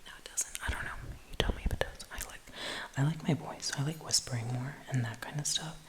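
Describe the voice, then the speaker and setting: A woman esthetician whispering casual ASMR chat, rambling with lots of filler words in a breathy unvoiced whisper. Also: rumbling low, quick pace.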